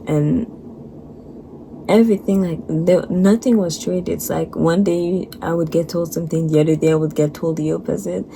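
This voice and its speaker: A young woman vlogging her personal faith testimony, earnest and halting, holding back tears. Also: lowish voice, steady tone, creaky, dark tone. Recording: noisy background.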